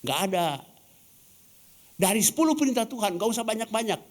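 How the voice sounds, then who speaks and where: Higher-voiced pastor quizzing his congregation. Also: lively intonation, fairly quick. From Ambon, Indonesia. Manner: questions the congregation, acts out quoted dialogue. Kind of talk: sermon. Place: church.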